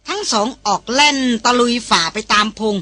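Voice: mid-range voice, very animated, normal speed, bright, forceful tone, soft background music. An audiobook narrator reading an action novel aloud in a vivid, dramatic storytelling manner.

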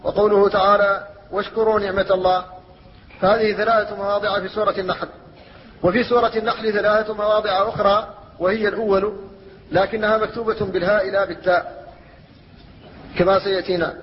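A man, an Islamic scholar, gives a measured classroom lecture on Quran spelling and recitation, slowing down to chant the verses he quotes. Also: high voice, level tone, slight background noise. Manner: measured explanatory teaching, slows to recite verses. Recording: dull lo-fi recording in a reverberant hall.

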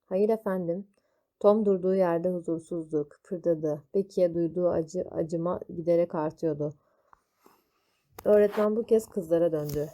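Woman reading a kids story out loud, slow and careful, warm mellow voice. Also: on the low side. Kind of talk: reading a children's classic aloud.

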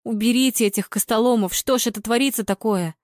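A woman voicing an excitable young female football fan who squeals and exclaims. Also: fairly high pitch, a little slow, no room sound, studio quality, voice pushed up, lightly acted. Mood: cheering.

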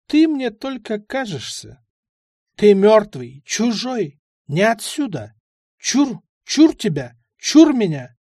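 A man voicing a sly, rambling old male drug addict in an audiobook, with a high, shouting voice and halting, odd phrases. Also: no echo, studio quality. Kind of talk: audiobook character voice.

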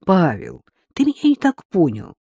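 A bumbling older father-in-law in an audiobook who trips over his words and apologizes, as a narrator puts him on. He sounds well-meaning but muddled. The voice is mellow, and the recording is close and dry. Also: medium pitch, huge pitch swings, moderate pace, slightly rough, dry recording, exaggerated voice. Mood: flustered. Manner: flustered, apologetic.

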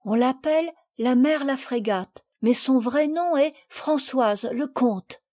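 A woman's voice: sits high, takes it slowly, dark tone, no echo, clean studio sound, voice pushed up. A woman voicing a poor, frail little girl who speaks politely and timidly in a raised childlike voice. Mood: meek, pleading. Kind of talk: audiobook character reading.

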